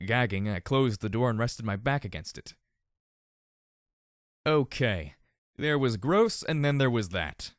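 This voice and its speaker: A man narrating an audiobook in a steady first-person reading. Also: mid-range voice, a little slow, pauses often, no room sound, studio quality.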